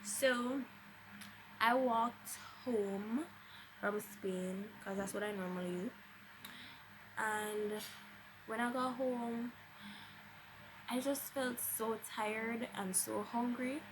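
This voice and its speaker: Speaking slowly with long pauses, a young vlogger with a Jamaican accent tells a personal tale in a somewhat high, steady voice against a noisy background. Casual and dramatic, she lapses into Patois and plays out the dialogue she quotes.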